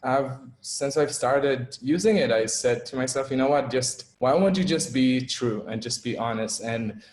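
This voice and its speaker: A man's voice: mid-range voice, normal speed, a little mellow, echoey room. A young man from Israel giving an online talk as guest speaker, hesitant, with many fillers and restarts.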